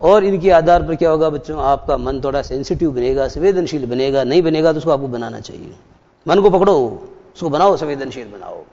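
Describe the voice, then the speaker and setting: A man's voice: a little high, expressive, brisk, dark tone. A man teaching a lesson, explaining and asking students questions, repeating key points. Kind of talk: classroom lecture. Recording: dull echoey hall.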